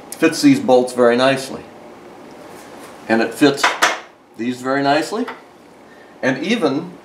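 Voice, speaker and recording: This rough recording, with a little hiss or hum, features an older man of medium pitch demonstrating a tool for his car restoration video. He sits inside a car in a garage and explains things plainly and methodically, often starting sentences over.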